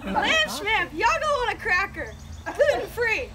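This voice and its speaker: A very high-pitched, sassy parrot played by a woman, brash and full of heckling wisecracks. The amateur stage comedy is caught outdoors under loud background noise. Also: big pitch swings, a little slow, exaggerated voice. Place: outdoors, backyard lawn stage. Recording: very noisy outdoor camera recording.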